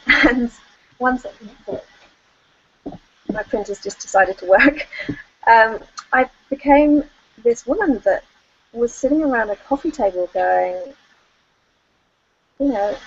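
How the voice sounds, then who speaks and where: A woman's voice: a little high, a little hiss or hum. Chatty woman on a dull call line. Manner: chatty and candid, with frequent fillers and laughter. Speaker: life coach speaking at an online event. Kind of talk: personal storytelling on a conference call.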